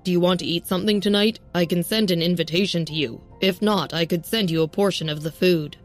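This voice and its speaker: A woman's voice: lowish voice, steady tone, brisk, faint music behind, natural voice. A woman voicing a composed, polite young man in a narrated story. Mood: calm.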